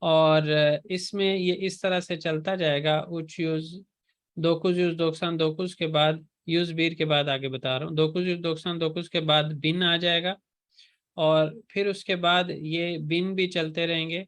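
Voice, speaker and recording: A male language teacher, speaking at a deliberately slow pace in a slightly higher voice. He drills each word patiently, saying it again and again while correcting pronunciation. The delivery is calm and methodical. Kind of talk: online class lesson.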